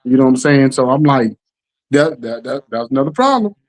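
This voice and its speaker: A man co-hosting a casual talk show, telling stories with lively acted-out quotes and a steady "you know what I'm saying.". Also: a little fast. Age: adult parent. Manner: animated storytelling, acts out quotes with jumps in pitch. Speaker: podcast co-host. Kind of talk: casual chat.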